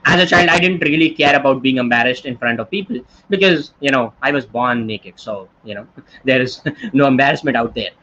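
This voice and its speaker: A young Indian man in his twenties teaches an online workshop with a bright, forceful voice. He tells stories in a chatty way and keeps checking in with his listeners. The audio sounds dull and lo-fi, like a stream from a computer mic, with a faint hiss behind it. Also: medium pitch, a little fast. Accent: Indian English. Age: 20s. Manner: chatty, animated storytelling with many tag questions. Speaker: workshop instructor.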